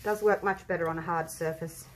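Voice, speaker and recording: A woman's voice: lowish voice, steady tone, a little fast. An Australian woman giving a casual, chatty craft demonstration, thinking aloud, her voice slightly muffled by a mask over her mouth. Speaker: craft tutorial host. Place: indoor craft table.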